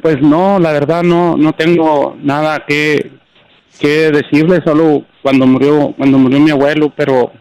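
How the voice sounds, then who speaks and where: A man calling in to a radio show, speaking haltingly and searching for his words. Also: a little high, little pitch movement, a little mellow, clean tone, no echo, poor audio. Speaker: caller. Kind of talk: hesitant phone-in talk about his anxiety.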